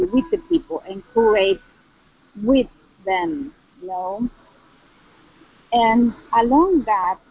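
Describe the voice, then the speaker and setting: A woman with a Chilean Spanish accent in an interview, speaking English haltingly as she translates in her head and searches for words. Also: medium pitch, vocal fry. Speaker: curator and cultural center representative. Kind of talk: interview answer about exhibitions. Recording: dull lo-fi sound.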